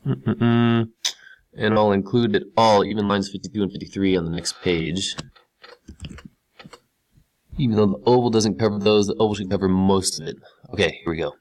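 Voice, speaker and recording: A man's voice: on the low side, fairly even intonation, normal speed, pauses often, a little mellow. A male teacher talking casually through each step of a screen-recorded tutorial, repeating key words for emphasis. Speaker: computer science teacher.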